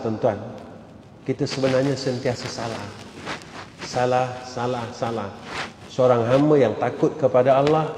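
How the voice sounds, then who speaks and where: Malaysian malay ustaz preaching, keeps calling out to the crowd, echoey big hall. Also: male voice, medium pitch, darkish tone, a little hiss or hum. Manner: emphatic, repeatedly addressing the audience. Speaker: religious teacher. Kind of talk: sermon. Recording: long hall reverb.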